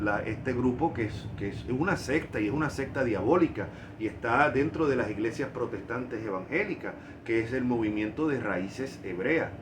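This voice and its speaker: A man's voice: medium pitch, a little hiss or hum. A man from Puerto Rico with a Puerto Rican Spanish accent, preaching a sermon with emphatic, rising stresses on key points.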